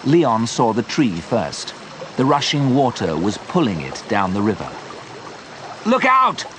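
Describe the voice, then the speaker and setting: A man narrating a simple story slowly and clearly for English learners. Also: fairly low pitch, noisy background. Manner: slow, clear, expressive.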